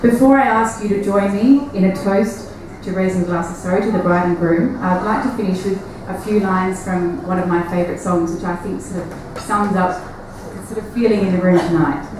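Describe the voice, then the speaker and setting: A woman's voice: mid-range voice, steady tone, brisk, hardly any pauses. A woman giving an affectionate, sentimental wedding speech as the bride's sister. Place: large echoey venue at a wedding reception. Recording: echoey, noisy, distant event recording.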